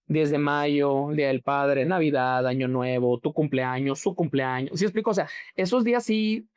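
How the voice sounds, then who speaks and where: A man's voice: fairly high pitch, normal speed, smooth. A man with a Mexican accent, a grief therapist, explaining as an interview guest and often checking that he is understood. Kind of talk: interview answers.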